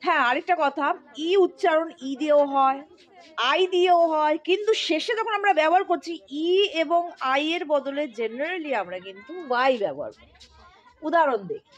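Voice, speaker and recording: A woman's voice: high voice, expressive, normal speed. A woman teaching English to students, patiently explaining and often checking that they follow along. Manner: patient, asks pupils questions often.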